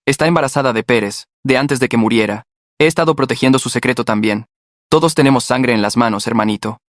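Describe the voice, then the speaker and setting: A man's voice: mid-range voice, fast, dry recording, clean studio sound, close to an everyday voice. A man reading as a taunting killer brother. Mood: menacing. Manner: taunting, threatening. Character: menacing younger brother, a manipulative killer.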